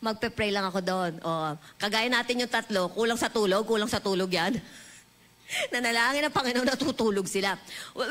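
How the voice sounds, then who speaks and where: A woman preacher with a Filipino accent giving a lively sermon in a church, mixing English and Filipino and leading the congregation in prayer. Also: medium pitch. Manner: animated, leads the congregation in call-and-response prayer. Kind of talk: bilingual sermon. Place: church hall.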